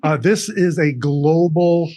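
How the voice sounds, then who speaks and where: A recovery coach appears as a guest on an interview show over a video call, with dragon decorations in the room behind him. His voice sits on the high side, slow and dark in tone, and he earnestly explains things step by step, often restarting.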